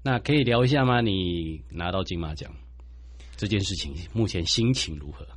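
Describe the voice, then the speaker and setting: Male host, Taiwanese Mandarin accent: very low, husky voice for presenting and interviews. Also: expressive, moderate pace.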